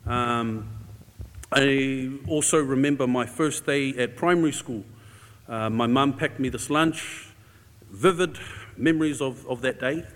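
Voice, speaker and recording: An unhurried, medium-pitched New Zealand man who grew up in Auckland shares a personal story as a charity guest speaker. His informal church talk is casual, conversational, and hesitant, marked by "eh", and it rings out in a large indoor church hall with long reverb.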